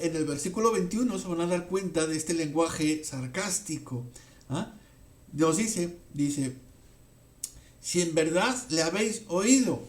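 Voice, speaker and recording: A man's voice: on the high side, a little mellow, reverberant. A man preaching a sermon as pastor, often checking in with his listeners and rising to emphatic questions.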